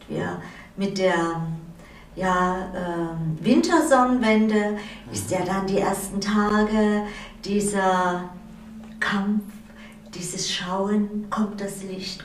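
Gentle, slow-speaking woman host. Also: medium pitch, slight background noise. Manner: gentle, unhurried, with many pauses and hesitations. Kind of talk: calm spiritual talk-show chat. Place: living-room studio with wall hangings. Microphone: far camera. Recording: roomy sound from a distant mic.

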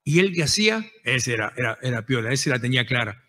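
A man with a Rioplatense Spanish accent preaching a sermon as pastor, impassioned and rising to shouted calls to the congregation. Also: medium pitch, very animated, quick pace, long reverb tail. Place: church.

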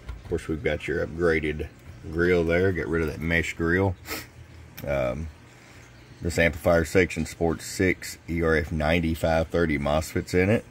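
Man, extremely low voice, folksy shop talk, faint workshop hum. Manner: relaxed, folksy, talks straight to the customer. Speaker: radio shop host. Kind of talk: casual product demonstration. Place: radio workbench in a shop.

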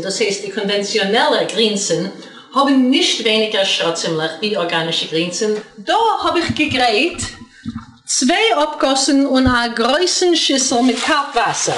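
A woman cooking in a wooden kitchen, giving slow, deliberate step-by-step instructions. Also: on the high side, fairly bright tone. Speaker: cook and co-host. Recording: roomy kitchen with running water noise.

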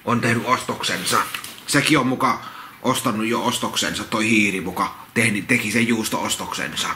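A man reading a children's picture book aloud, rambling into repetitive, halting asides and restarts. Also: on the low side. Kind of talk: casual read-along with rambling commentary. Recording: roomy echo, faint background noise.

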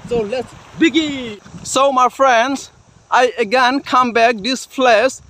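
Slow, high-voiced male vlogger. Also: a bit bright. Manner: halting short phrases, repeating himself. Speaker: vlogger exploring outdoors. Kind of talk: outdoor exploration vlog. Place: outdoors on riverbed, hillside and forest.

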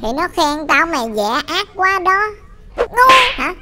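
A woman voicing a bratty, boastful young boy artist who is brash, bossy and quick to take offence. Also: very high voice, big pitch swings, exaggerated voice. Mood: indignant. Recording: loud music behind.

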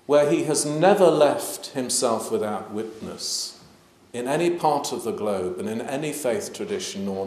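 Slow-speaking clergyman in echoey hall. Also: medium pitch, darkish tone. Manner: measured, emphatic, gesturing while speaking. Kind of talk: interfaith talk. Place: large plain hall.

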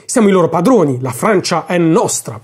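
A man's voice: high-pitched, expressive, fairly quick, husky. A man voicing a drunken, arrogant young male officer who taunts and boasts, in a storybook reading. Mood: mocking boast.

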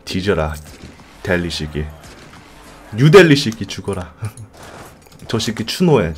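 Animated man streaming a strategy game. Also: deep voice, slow pace. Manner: excitable, pleads and shouts at allies, then mutters curses under his breath. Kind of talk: gaming commentary.

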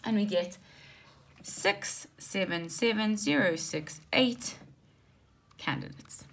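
A woman's voice: mid-range voice, slow, creaky. A woman with a slight lisp tutoring informally, working step by step through exam questions and often checking in with short tags. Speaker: maths tutor.

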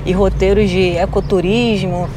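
A woman's voice: medium pitch, fairly even intonation, moderate pace, noisy background. A woman with a Brazilian Portuguese accent, chatting casually as a travel vlogger on a road trip and teasing her husband. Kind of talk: casual travel vlog narration. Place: on a road trip, in and around a car.

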